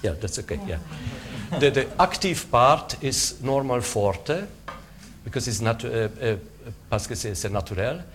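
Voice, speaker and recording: A man coaching string players in rehearsal, halting with fillers, switching between English and French and vocalizing sounds to demonstrate. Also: mid-range voice, animated, a bit bright, a little hiss or hum. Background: string instruments playing.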